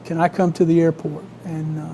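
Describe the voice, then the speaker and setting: Mellow-voiced man with a Southern Alabama accent. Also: fairly high pitch, level tone, fairly quick, slight background noise, rough recording. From Alabama, United States. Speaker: interview guest, vintage biplane owner and pilot. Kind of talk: conversational storytelling in an interview.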